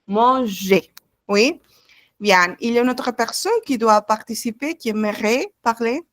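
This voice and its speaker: A woman's voice: on the high side, expressive, moderate pace, no room sound, studio quality. A woman teaching an introductory French class online, explaining step by step in a patient way over a video call.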